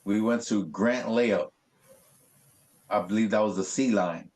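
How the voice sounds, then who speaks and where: A man, a graffiti artist, telling stories in a casual interview, animated and full of swearing and street slang. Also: on the low side, unhurried.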